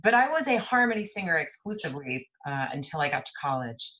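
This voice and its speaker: A woman from El Paso, Texas, talking as an interview guest in a relaxed, thoughtful storytelling manner. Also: sits low, fast, rough recording. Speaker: guest, jazz singer and voice teacher. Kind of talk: interview conversation.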